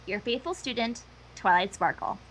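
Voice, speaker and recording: A woman's voice: on the high side, expressive, normal speed, fairly bright tone, poor audio. A woman voicing an earnest, studious young female pony who is politely reading out a formal letter to her teacher.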